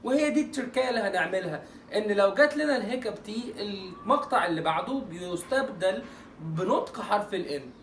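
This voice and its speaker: A man with an Egyptian Arabic accent teaching English pronunciation in an online lesson. He jokes playfully and draws out example words slowly. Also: sits high, lively intonation, fairly bright tone, echoey room, distant mic, slight background noise.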